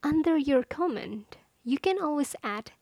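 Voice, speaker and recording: Her voice sits high and has a darkish tone, animated but at a measured pace, in a dry recording. She's a content creator with English as a second language, chatting playfully and self-deprecatingly as she gives listeners casual language-learning advice.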